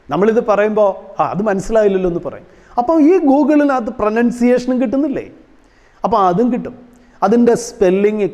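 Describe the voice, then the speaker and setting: A man's voice: high-pitched, a little mellow. A male teacher giving a classroom lesson, asking rhetorical questions and slipping English terms into his explanations. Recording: long hall reverb.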